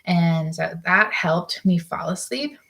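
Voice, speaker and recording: A woman's voice: fairly low pitch, lively intonation, takes it slowly, creaky, a bit bright, rough recording. A young woman chatting casually as she works on a sewing project, rambling with lots of fillers and out of breath. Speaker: sewing vlogger. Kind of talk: casual work-along chat.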